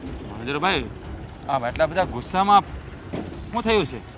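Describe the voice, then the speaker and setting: An actor playing the headman's conciliatory younger brother, who speaks calmly and earnestly. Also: fairly high pitch, normal speed, slight background noise. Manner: calm, soothing, earnest. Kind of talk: village family stage drama.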